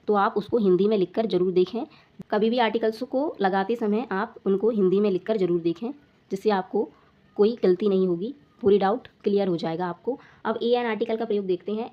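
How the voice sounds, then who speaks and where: A woman teaching a grammar lesson to children, repeating each point slowly and asking if it is clear. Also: medium pitch, muffled recording.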